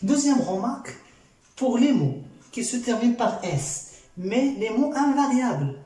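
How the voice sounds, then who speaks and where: A French teacher with a Moroccan accent patiently explains a grammar lesson, asking and then answering their own questions in an unhurried, mellow, mid-range voice with big pitch swings. The recording comes from a very echoey room through a distant mic, with faint music.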